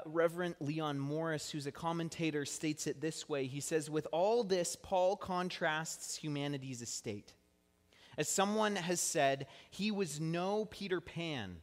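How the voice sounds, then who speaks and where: A young man delivers a sermon in a church, earnest and explanatory, with a gentle wry humor. His voice sits a little high for a man. A long hall reverb trails each phrase. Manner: earnest teaching tone with light self-deprecating humor. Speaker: preacher. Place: church sanctuary.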